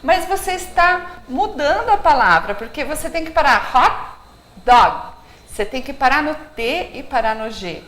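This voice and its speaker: Brief: high-pitched woman, language consultant type, demonstrating pronunciations on a live TV set with room echo. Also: animated, moderate pace, few pauses, a bit bright. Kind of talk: TV studio interview. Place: TV studio.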